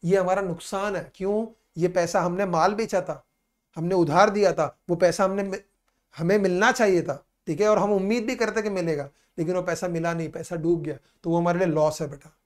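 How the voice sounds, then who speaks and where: A male tutor takes students through an accounting lesson. He repeats key ideas and addresses the class fondly as "beta." When a textbook definition comes up, he slows down and reads it word by word. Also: sits high, steady tone. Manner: patient, repetitive explaining, calls students "beta"; reads English definitions slowly and deliberately. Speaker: commerce teacher. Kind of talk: classroom lecture in mixed Hindi and English.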